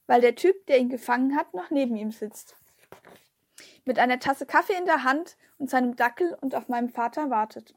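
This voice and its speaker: A woman voicing an urgent, determined young girl who speaks in a tense, hushed way in a storybook reading. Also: sits high, moderate pace.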